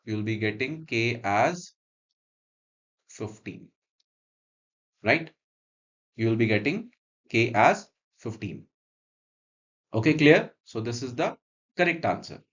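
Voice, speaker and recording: A man's voice: mid-range voice, lively intonation, slow pace, pauses often, a bit bright, lo-fi sound. A man with an Indian accent teaching maths step by step, mixing English and Hindi, repeating phrases and checking understanding with short questions.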